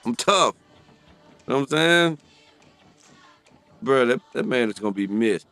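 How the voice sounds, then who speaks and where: A man co-hosting a podcast, telling stories in animated, joking chat. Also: mid-range voice, measured pace, soft background music. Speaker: podcast co-host.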